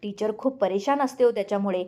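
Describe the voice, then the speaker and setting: A woman's voice: medium pitch, fast talker, mellow, natural voice. A woman narrator voicing a stern school principal lodging complaints in a storybook reading.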